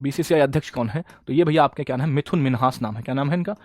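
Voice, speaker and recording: A man's voice: medium pitch, rapid-fire, darkish tone, no room sound, studio quality. A man teaching a live online exam-prep class, quizzing students and repeating each answer.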